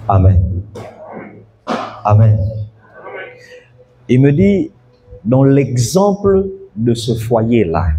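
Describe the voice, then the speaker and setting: A man's voice: mid-range voice, big pitch swings, very slow, long pauses, mellow, breathy edge, faint music behind. A pastor preaching an evening sermon, telling a story and calling out to his congregation to follow him.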